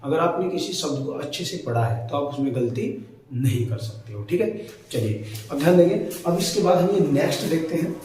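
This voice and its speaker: A young male teacher works through spelling corrections word by word. He keeps quizzing with short questions and repeats each answer. His slightly high, mellow voice comes from some way off the mic in a very echoey room, with a faint hiss underneath. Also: expressive, brisk. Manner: repetitive, quizzing students with questions. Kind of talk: Hindi spelling lesson. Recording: roomy echo, distant mic, faint noise.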